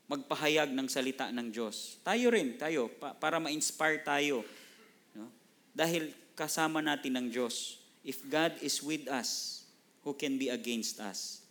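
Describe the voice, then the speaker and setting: A middle-aged Filipino pastor teaching from the Bible in a relaxed, conversational sermon. He speaks in an ordinary mid-range male voice, often pausing to check in with the congregation and mixing English phrases into his speech. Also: medium pitch.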